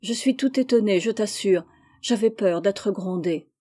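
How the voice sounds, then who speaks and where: A woman's voice: medium pitch, measured pace, warm tone, breathy edge. A woman reading the part of a naive, impulsive young Native girl, speaking in an eager, childlike way. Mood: innocent.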